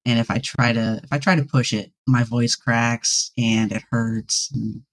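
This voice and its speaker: A young man, a guest in a casual interview, talking with a dry, deadpan sense of humor and laughing often. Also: mid-range voice, unhurried, a little hiss or hum. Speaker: guest player.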